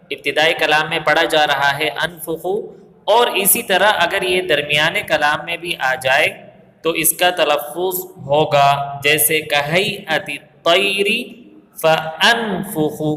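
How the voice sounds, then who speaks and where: A male Arabic grammar teacher with a Pakistani Urdu accent, giving a recorded video lesson step by step, asking and answering his own questions and slowing down to recite examples. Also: on the high side, bright, forceful tone, slight background noise. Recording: echoey room with long reverb.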